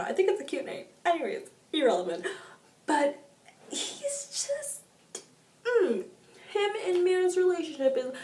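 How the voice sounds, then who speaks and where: A woman reviewing a book in a casual vlog, gushing and excitable, with sudden jumps in pitch. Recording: echoey room, mic at a distance.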